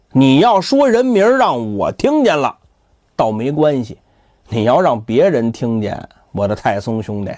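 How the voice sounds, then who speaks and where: Man doing a stern older official, slow and measured, lower voice, lively inflection, dry close sound. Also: dry recording. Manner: slow, measured, quietly threatening.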